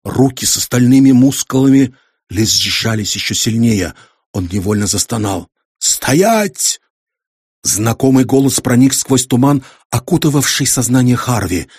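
A man's voice: on the low side, a little mellow, breathy edge, no room sound, clean studio sound. A man narrating an audiobook thriller with dramatic, tense storytelling. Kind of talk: audiobook reading.

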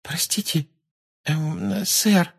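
A man reading an audiobook voices an eager, timid schoolgirl who asks excitable, breathless questions. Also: high-pitched, moderate pace, husky, voice pushed up. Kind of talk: audiobook character voice.

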